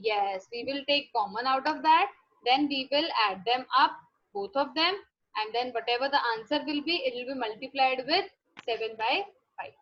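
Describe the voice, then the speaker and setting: A woman's voice: high voice, expressive, normal speed. A woman with a North Indian accent teaching maths in an online class, instructive and often checking that students follow. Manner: instructive, frequently checking understanding with questions. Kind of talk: online class lesson, mixing Hindi and English. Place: live online class call. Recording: dull lo-fi online class audio.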